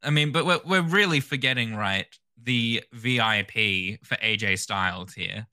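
A man co-hosting a casual podcast chat, measured, with dry remarks. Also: on the low side, pushed and bright. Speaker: podcast co-host.

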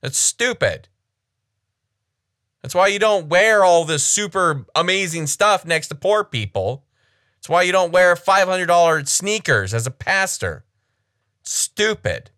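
A man's voice: sits high, expressive, normal speed, bright, forceful tone, dry recording, clean studio sound. A man casually commenting on a sermon clip, blunt, frank and critical.

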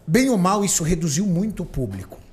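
A man's voice: sits high, sing-song, fairly quick. A man hosting a podcast, steadily guiding the talk with questions. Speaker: podcast host.

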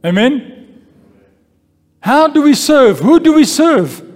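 Slow and very high-voiced, this preacher's pitch swings widely as he reads scripture and delivers a sermon. He calls out "Amen?" to the congregation and repeats key phrases. The church hall setting adds long reverb, and faint music can be heard.

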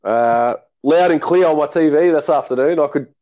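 A man's voice: on the high side, moderate pace, warm tone, highs cut off. A man from Melbourne with an Australian accent, hosting a casual chat about tennis and calling the match in a rambling, restart-filled way. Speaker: host and tennis fan commentator.

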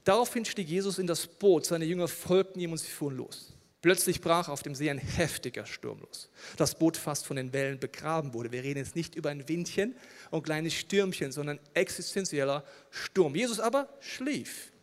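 Lively man preaching in a reverberant hall. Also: fairly high pitch, moderate pace. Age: middle-aged. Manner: lively, swings from loud to hushed, talks to listener directly. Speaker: pastor. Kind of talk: sermon.

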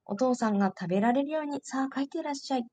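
A woman's voice: sits high, rapid-fire, warm tone. Yashoda, a doting mother, as a woman reader puts her on. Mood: coaxing. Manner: fond, coaxing motherly tone. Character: loving, doting mother calling her young son home. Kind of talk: storybook reading.

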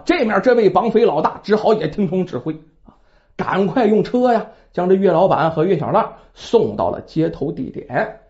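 A woman telling a story in a chatty, animated way, with asides to listeners. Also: mid-range voice. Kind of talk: oral storytelling narration. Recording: dull lo-fi recording.

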